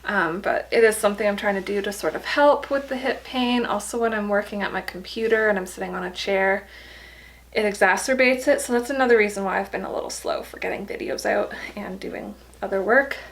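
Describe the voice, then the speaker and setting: A woman's voice: medium pitch, fairly quick, poor audio. A tired, pregnant young woman giving a casual vlog update, chatty and laughing often. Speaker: vlogger.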